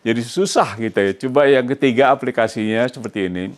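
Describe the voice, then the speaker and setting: A man's voice: mid-range voice, quick pace. A male pastor preaching a sermon who keeps quizzing his congregation mid-sentence and drops English phrases into his emphatic preaching.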